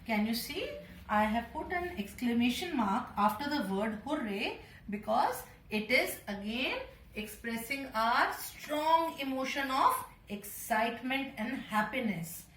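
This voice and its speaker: A woman's voice: on the high side, expressive, a little slow, fairly bright tone, distant mic, a little hiss or hum. A woman with an Indian English accent, a primary school teacher patiently explaining punctuation to young children. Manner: patient, addresses children directly. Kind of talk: slow classroom explanation. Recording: echoey room, voice from off-mic.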